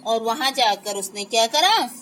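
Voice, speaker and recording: A woman's voice: on the high side, expressive, unhurried, a bit bright, slight background noise, rough recording. A woman acting out and explaining a story. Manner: acts out the characters' lines, then retells them in plain words. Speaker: teacher. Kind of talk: reading and explaining a textbook play.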